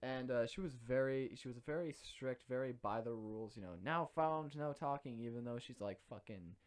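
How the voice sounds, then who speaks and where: A young man from Washington state, co-hosting a podcast, telling stories in a casual, animated way and swearing freely. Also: mid-range voice, brisk, smooth. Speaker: podcast co-host. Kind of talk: casual chat.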